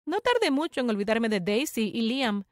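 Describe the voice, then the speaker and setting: High-voiced young woman telling her story. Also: sing-song, normal speed, no room sound, clean studio sound. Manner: dramatic confessional telling. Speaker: narrator. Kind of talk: first-person story narration.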